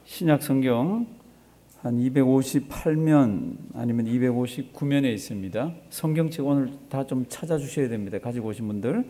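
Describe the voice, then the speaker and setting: A male pastor with a medium-pitched, dark voice preaches at a moderate pace, keeping his sermon conversational. He poses rhetorical questions to the congregation, has them respond, and repeats phrases for emphasis.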